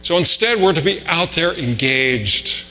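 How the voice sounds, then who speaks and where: A man's voice: a little high, expressive, a little slow, sharp tone. A man preaching a conversational sermon with anecdotes, pressing harder on his key points. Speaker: pastor. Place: church sanctuary. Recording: reverberant hall with mains hum.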